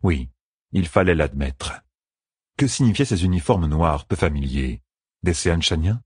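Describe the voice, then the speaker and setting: Low husky male audiobook narrator. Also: lively intonation, a little mellow, no room sound, clean studio sound. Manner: measured, dramatic reading. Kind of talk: scripted fantasy narration.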